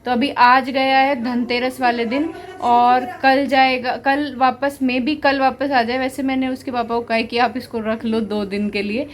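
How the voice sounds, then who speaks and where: A young woman talks to her phone camera at home in a chatty, teasing family vlog. Her voice sits a little high, and she laughs easily. A faint hiss runs under the recording. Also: level tone, a little slow, few pauses. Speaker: vlogger. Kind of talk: casual family vlog chat.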